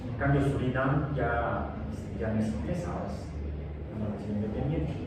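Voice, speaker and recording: A science teacher, a man with a medium-pitched voice speaking at a normal speed, rambles through a classroom lecture full of fillers and restarts. The recording is noisy, with an echoey room and a distant mic.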